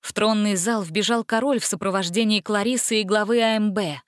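A woman narrates a fairy tale in a steady, expressive storybook reading. Her voice sits in the middle range. The recording is dry and close, with no room sound. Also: medium pitch, fairly quick, no echo. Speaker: audiobook narrator.

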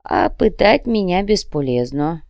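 A woman voicing a stern, dying old male monk who speaks slowly and curtly. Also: on the low side, big pitch swings, gravelly, a little mellow, no room sound, studio quality, full character voice. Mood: defiant. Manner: slow, weighty, curt speech. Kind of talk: audiobook character reading.

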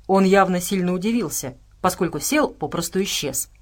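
A woman's voice: animated, moderate pace. Woman narrating an audiobook. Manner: reads dialogue with raised pitch and volume for characters. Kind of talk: scripted narration.

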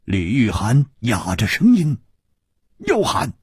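A man narrating a martial arts novel as a storyteller, dramatic and swinging between loud and hushed. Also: mid-range voice, huge pitch swings, slow pace, husky, no echo, studio quality.

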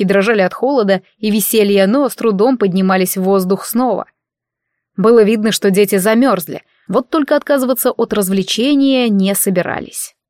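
A woman's voice: mid-range voice, darkish tone, no room sound. Woman reading a fantasy audiobook, dry. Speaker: audiobook reader. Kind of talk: scripted fantasy narration.

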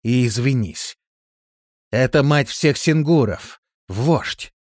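Voiced by a male audiobook reader, a cruel demon woman speaks in a cold, hissing deadpan, her threats flat and unhurried. The voice sits a little above his usual pitch, in a close, dry reading. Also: dry recording. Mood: icy. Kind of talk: audiobook character voice.

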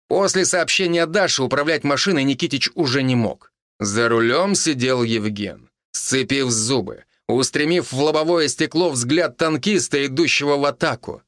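Casting note: male audiobook narrator, mid pitch, dry close recording. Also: a bit bright, no echo.

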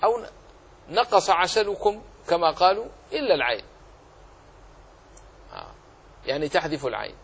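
A man teaching the rules of Quran recitation in a religious lesson, speaking haltingly, with drawn-out pauses and repeated words, and spelling out single letters one by one. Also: high voice, very animated, gravelly, a bit bright, husky.

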